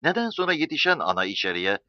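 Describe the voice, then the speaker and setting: A man narrating a story as an audiobook reader, in an expressive storytelling manner. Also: fairly high pitch, quick pace, dry recording. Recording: dull dry recording.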